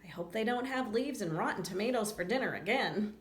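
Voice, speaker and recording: A woman reads a picture book to children fairly quickly, her pitch medium. She acts out the lines expressively and interrupts herself for chatty asides to the little ones. The audio has a roomy echo and faint noise underneath.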